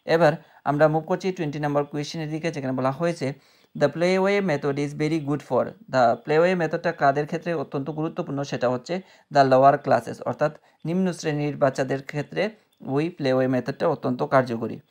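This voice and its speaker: Man, exam prep lesson, slightly high voice, reads questions slowly, repeats answers. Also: darkish tone. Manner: repeats key answers, checks in with "okay?". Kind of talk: explaining exam questions, reading each aloud slowly.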